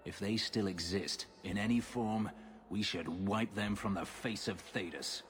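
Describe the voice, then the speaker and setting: A man's voice: lowish voice, a little slow, natural voice. An actor voicing a bitter, brooding male warrior who speaks coldly. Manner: cold, hateful.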